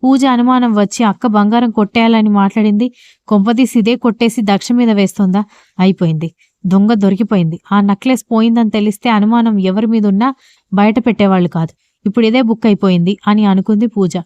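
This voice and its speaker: A woman storyteller reading a scripted audio story with brisk, steady narration. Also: medium pitch, dry recording, muffled recording.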